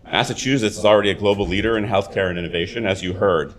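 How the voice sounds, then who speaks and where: A man, a university dean, delivering a prepared formal speech at a ceremony, often halting with uh fillers. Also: on the low side.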